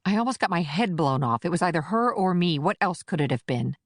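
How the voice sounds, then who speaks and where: A woman's voice: on the low side, expressive, brisk, no echo, studio quality. A woman voicing a tough, blunt female federal agent in an audiobook, with clipped, defensive delivery. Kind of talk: audiobook character reading.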